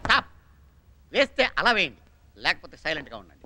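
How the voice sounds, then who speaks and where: A blustering bossy college head. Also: male voice, on the high side, sing-song, fast talker, vocal fry, over loud music. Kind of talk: comic film acting.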